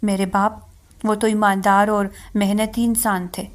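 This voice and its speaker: A woman voicing a desperate, tearful young daughter in a storybook reading, with pleading lines read in an even tone. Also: medium pitch, close to an everyday voice.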